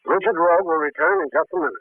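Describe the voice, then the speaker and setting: A man's voice: fairly high pitch, rapid-fire, husky, faint music behind. A man reading a scripted closing announcement for a radio drama, heard from an old broadcast transcription disc. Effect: old broadcast disc recording. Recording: tinny narrow-band old radio transcription from a distance.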